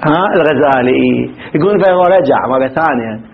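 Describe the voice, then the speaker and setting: A man with an Iraqi accent teaching a seminary grammar lesson. He repeats terms slowly and asks the class questions. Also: medium pitch, lively intonation, vocal fry, phone-quality sound, a little hiss or hum. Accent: Iraqi Arabic.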